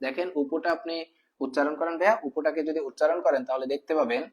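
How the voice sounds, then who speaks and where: Racing along with fairly even intonation, a math tutor with a slightly high voice walks through a lesson casually. He repeats each term and poses questions to the viewer, whom he calls brother.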